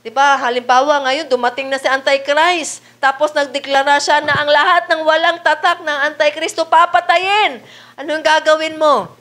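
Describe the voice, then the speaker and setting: A woman with a high voice preaching a sermon to her congregation. She keeps turning to the listeners with rhetorical questions and switches into English when she reads the Bible verses aloud. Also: steady tone, normal speed, fairly bright tone.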